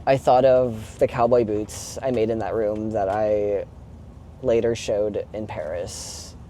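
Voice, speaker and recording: Warm and on the low side, this young man's voice moves at a slow pace with fairly even intonation. He's a vlogger chatting from inside a moving box truck as he drives, rambling informally and confessionally, swearing and leaning on "like." Vehicle and road sounds are clearly recorded.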